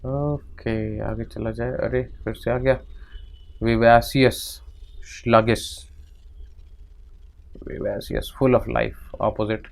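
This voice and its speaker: A man's voice: mid-range voice, flat delivery, slow pace, creaky, darkish tone. A man teaching English vocabulary in Hindi, working through a vocabulary exercise aloud and murmuring word lists half to himself.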